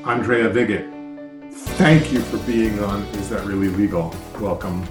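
Over music, an American podcast host with a fairly low voice speaks at a normal speed. He's chatty and enthusiastic, dropping lots of "uh" fillers as he moves between a casual interview and reading his own ads.

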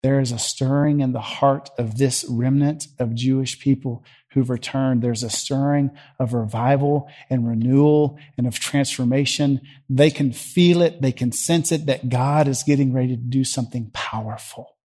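Preaching from the church platform, this middle-aged man with a Southern US accent keeps his sermon conversational, questioning the congregation and shifting between loud and quiet. His voice is mid-range with fairly even intonation, and he talks at a normal speed with hardly any pauses.

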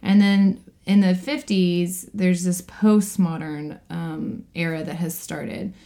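Lower-voiced woman co-hosting a faith podcast. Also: fairly even intonation, slow pace, dark tone. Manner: thoughtful, laughs easily, restarts phrases. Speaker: podcast co-host.

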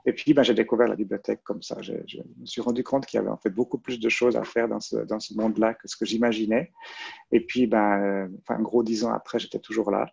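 Invité, homme de quarantaine, accent vaudois, cherche ses mots, timbre grave. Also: male voice, on the low side, little pitch movement, quick pace, creaky, a little mellow, husky. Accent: Swiss French, Vaud. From Switzerland. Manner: hesitant, many fillers and restarts. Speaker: guest, librarian and photographer. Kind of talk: casual interview answers. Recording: muffled, lo-fi.

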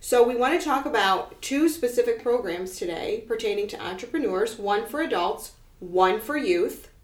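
A woman co-hosting a podcast, speaking in a calm, even tone while explaining programs. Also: a little high, moderate pace. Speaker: podcast co-host and program facilitator. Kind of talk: casual banter and explaining programs. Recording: echoey room.

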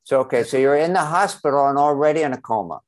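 A man's voice: mid-range voice, fast talker. A man hosting an interview podcast, asking questions hesitantly with many fillers. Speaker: podcast host. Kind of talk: interview conversation.

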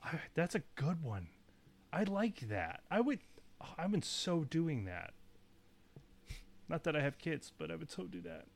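A man's voice: on the high side, very animated, measured pace, creaky, long pauses. A man co-hosting a casual podcast, trading playful jokes and laughing often. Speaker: podcast co-host.

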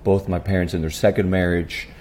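A man's voice: low voice, level tone, fairly quick, darkish tone. A man, a preacher and podcast guest, telling his family story in an earnest, reflective way, often adding "right?". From Puerto Rico. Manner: earnest, with tag questions like "right?". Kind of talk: reflective personal storytelling in an interview.

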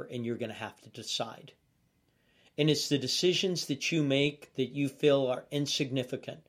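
A male pastor giving a motivational leadership sermon in a deliberate, measured way with pauses. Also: mid-range voice.

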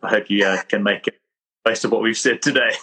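A man's voice: on the low side, fairly even intonation, brisk, bright, forceful tone, breathy edge. A man with a thick South African accent, a chiropractor chatting casually as a podcast guest, modest and self-deprecating.

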